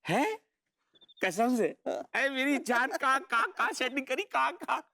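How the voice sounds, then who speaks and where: A man's voice: very high-pitched, expressive, a little slow, creaky, pushed and bright, heavily acted. An actor playing a sentimental, joking man consoling his friend in a TV comedy.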